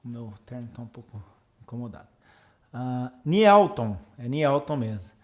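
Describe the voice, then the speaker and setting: A man's voice: medium pitch, lively intonation, unhurried. A man from Brazil, tutoring exam students on a casual live stream and chatting through viewers' comments. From Santa Catarina, Brazil.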